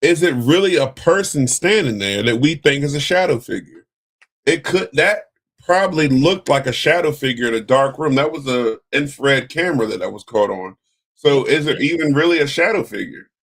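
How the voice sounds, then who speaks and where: Relaxed male live-stream host. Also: mid-range voice, moderate pace. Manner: musing, asks rhetorical questions, gives friendly shout-outs. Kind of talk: casual live-stream talk.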